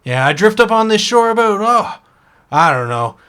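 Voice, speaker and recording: A man voicing a grumpy orc cursed into an oyster, gruff and indignant. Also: sits high, sing-song, moderate pace, sharp tone, voice pushed up, heavily acted. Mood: sheepish.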